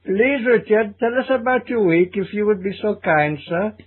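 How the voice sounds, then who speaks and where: A man's voice: high voice, moderate pace, breathy edge, voice pushed up. A man putting on a comedy Indian accent as an overly polite host, over a phone-like lo-fi recording. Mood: mock formal. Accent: Indian, put on. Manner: florid, over-courteous. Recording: phone-like lo-fi sound.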